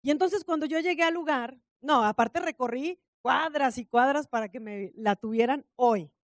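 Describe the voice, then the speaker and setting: Woman preacher, high voice, dry close recording; earnest conversational sermon with questions to the congregation. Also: normal speed, no echo.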